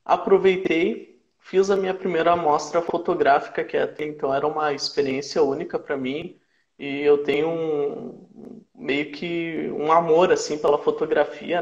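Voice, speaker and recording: Relaxed southern Brazilian man, echoey. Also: a little high. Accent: Rio Grande do Sul Portuguese. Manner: unhurried, often tags lines with "né, cara?". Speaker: podcast guest, sports and music journalist. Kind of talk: casual chat. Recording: echoey, muffled live-stream audio.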